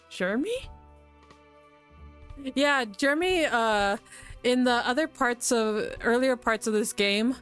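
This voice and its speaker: A woman's voice: on the high side, a bit bright, clean tone. A woman streamer reading a visual novel aloud with commentary, giggling often between lines.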